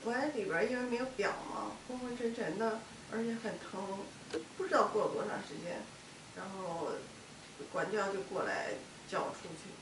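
A woman being interviewed who recounts an ordeal, speaking haltingly and often repeating words. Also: mid-range voice. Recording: echoey room, mic far off, noisy.

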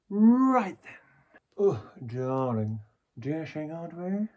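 A man's voice: fairly high pitch, very animated, very slow, a little mellow. A man speaking from inside a costume head, patiently explaining movement technique in an encouraging tutorial style. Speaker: parkour instructor in a fursuit. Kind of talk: instructional tutorial.

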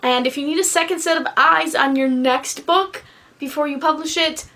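A woman's voice: high-pitched, normal speed, sharp tone. A young adult woman giving a casual book review to camera in a candid, rambling, casually sweary manner. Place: small bedroom, indoors.

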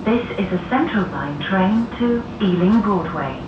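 A woman's prerecorded train announcements, spliced together word by word, played over a carriage loudspeaker in measured, even phrases. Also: highs cut off. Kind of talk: recorded transit announcements. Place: inside a moving underground train. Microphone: carriage loudspeaker captured by a distant recorder. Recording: echoey distant loudspeaker with train noise. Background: rumbling train noise.

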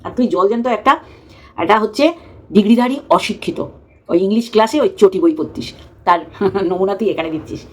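A woman's voice: medium pitch, a little fast, long pauses, darkish tone. A woman giving a scornful, mocking commentary rant in a casual tone. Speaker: YouTube commentator.

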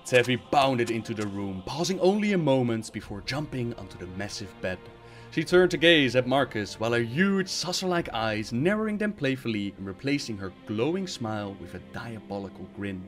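A man's voice: medium pitch, animated, moderate pace, soft background music. Man reading game fiction with wry asides. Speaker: narrator and channel host.

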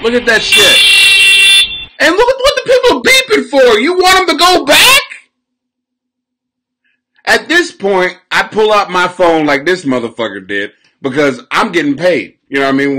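Sitting at his desk in a small home room, a man in his forties rants loudly to a webcam for his live stream, his voice pitched high. The rambling comedy bit is crude and full of laughter, veering from shouts down to mumbles.

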